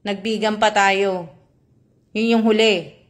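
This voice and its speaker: A woman's voice: mid-range voice, steady tone, slow pace. A woman from the Philippines chatting on a live stream, reading viewer comments aloud in a polite, chatty way full of fillers and tag questions.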